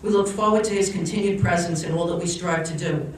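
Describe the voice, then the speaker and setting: A presenter gives a formal, measured introduction, listing praise phrase by phrase. The voice sits at a middle pitch and comes from well back from the mic, washed in heavy hall reverb with faint room noise. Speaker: event presenter. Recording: echoey hall, voice far from mic.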